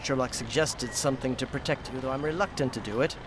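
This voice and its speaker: An actor playing a gallant, protective Victorian doctor in a radio drama, brisk, formal, earnest and commanding. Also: male voice, mid-range voice, close to an everyday voice. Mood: concerned. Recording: clear outdoor street and vehicle noise.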